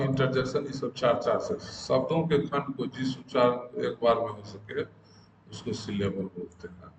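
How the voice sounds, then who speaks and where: A man teaching English grammar in a classroom style, explaining step by step and slowly repeating terms. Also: mid-range voice. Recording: echoey room with clear background noise.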